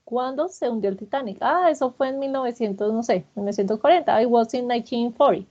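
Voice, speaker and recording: Woman English teacher, higher husky voice, patient and encouraging, muffled lo-fi audio. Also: a little fast, a little mellow. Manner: patient, repeats student answers and praises them. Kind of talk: classroom grammar lesson.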